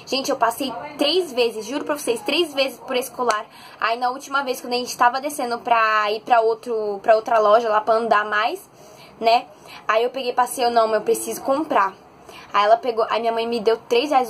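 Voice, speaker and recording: High-pitched paulista girl vlogging her haul, chatty and excitable, faint hiss behind. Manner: chatty and excitable, animated storytelling. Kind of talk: casual haul vlog. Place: bedroom at home.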